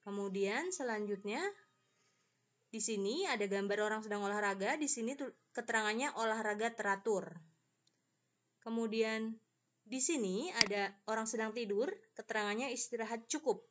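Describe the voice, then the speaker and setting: A woman's voice: a little high, moderate pace, fairly bright tone. A woman teacher, patiently explaining a lesson to children step by step. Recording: slightly dull lo-fi audio.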